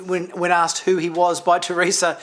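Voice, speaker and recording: Higher-voiced man giving a rambling review. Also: monotone, normal speed, a bit bright. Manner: rambling, with many fillers and restarts and light laughs. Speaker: TV review channel host. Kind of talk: casual spoken episode review.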